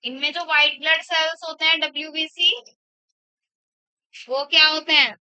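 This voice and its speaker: A female biology teacher lectures her class, posing questions and echoing back the students' answers. Her high voice is steady, pushed and bright, moving at a normal speed. The recording is dull and lo-fi, with no room sound.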